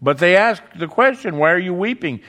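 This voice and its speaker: A man preaching a sermon, earnest, building emphasis through repetition and dropping softly on key words. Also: high-pitched, animated, moderate pace.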